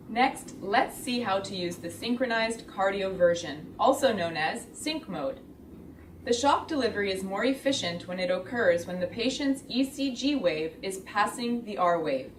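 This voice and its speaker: A woman reading a scripted product tutorial in a measured, step-by-step explanatory way. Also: medium pitch. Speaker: instructional video narrator. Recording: roomy, distant, clearly noisy recording.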